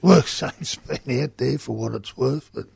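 Australian male, heavily gravelly and husky, blunt colloquial storyteller for casual radio chat, close dry sound. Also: medium pitch, measured pace, a little mellow, dry recording. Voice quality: gravelly, rough. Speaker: union organiser reporting on site visits. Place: community radio studio.

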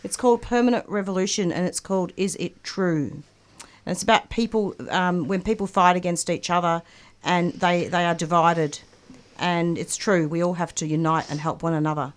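A woman hosting a community radio talk show, announcing in a relaxed, chatty way with fillers. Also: fairly low pitch, normal speed.

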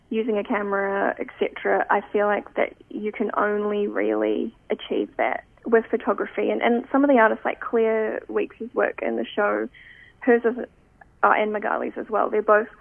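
A young New Zealand photographic artist, appearing as a guest, reflects slowly in an interview, pausing often as she searches for the right words. Her mid-range voice has a gravelly fry and comes across thin and tinny, like a phone line.

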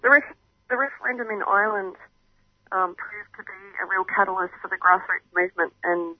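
A woman's voice: medium pitch, fairly quick, slightly rough, no echo. A woman speaking as a campaign spokesperson in a phone-in radio interview, with her phone held away from her mouth so she sounds faint and unclear, talking confidently and earnestly with many fillers. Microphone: phone line. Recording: dull, muffled phone line.

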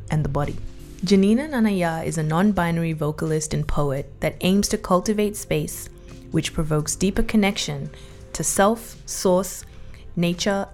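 A woman host reading a scripted introduction in a measured, earnest way. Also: deep voice, darkish tone. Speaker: podcast host.

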